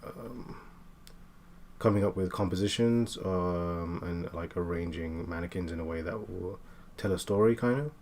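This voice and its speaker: Man, late twenties, very low voice, halting casual chat while drawing, faint room hum behind. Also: a little mellow. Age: 20s. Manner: hesitant, many fillers and restarts. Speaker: art streamer.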